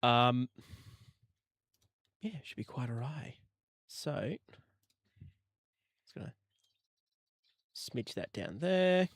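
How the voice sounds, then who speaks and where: A man talks through his editing on a casual livestream, cracking jokes as he goes. His voice is gravelly with a mid pitch. The sound is dry and close. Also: animated, very slow, long pauses, no room sound. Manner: chatty, jokey, talks while working on the computer. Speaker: streamer editing rail audio.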